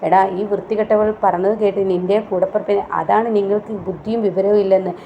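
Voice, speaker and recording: A woman's voice: medium pitch, fairly even intonation, quick pace, lo-fi sound, slight background noise, natural voice. A woman voicing an angry middle-aged mother who scolds her son, within a serial recap. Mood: scolding. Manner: scolding, bitter.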